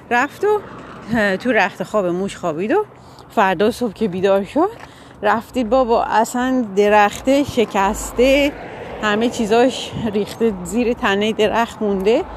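A woman casually telling a children's story, pausing to explain animal names in English. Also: on the high side, lively intonation, a little hiss or hum. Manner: casual, informal, with fillers and self-corrections.

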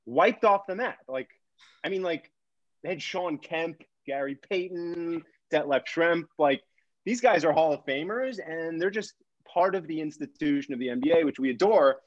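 A man tells a story with breathless, animated energy, leaning on "like" as he goes and slipping into the voices of the people in it. The sound is dry and close, with a slightly muffled, lo-fi tone. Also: on the high side, normal speed, no room sound. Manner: excitable, heavy use of "like", acts out voices. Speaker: podcast co-host telling a guest story.

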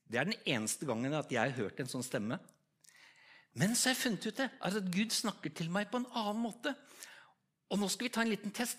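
A man's voice: high-pitched, fairly bright tone. A man with an Eastern Norwegian accent preaching a story-driven sermon, talking conversationally and putting direct questions to his audience.

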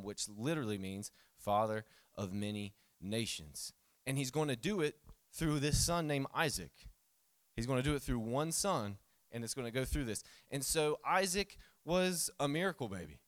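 A man in his thirties gives a casual, animated sermon with a lilt. His voice sits at an ordinary middle pitch and sounds close and dry. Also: moderate pace, no room sound. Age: 30s. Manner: animated, conversational preaching with jokes and asides. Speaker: pastor.

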